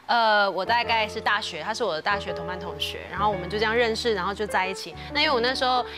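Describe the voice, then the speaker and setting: A woman's voice: medium pitch, fast talker. A woman from Taiwan, a guest telling a personal story vividly on a TV variety show. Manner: vivid storytelling, acting out quoted voices. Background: background music.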